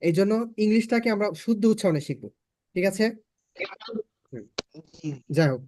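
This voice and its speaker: Bangladeshi guy teaching spoken english online, patient, keeps repeating stuff, highish voice. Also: lively intonation, moderate pace, warm tone, slight background noise. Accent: Bangladeshi Bengali. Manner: patient, repeats points for learners.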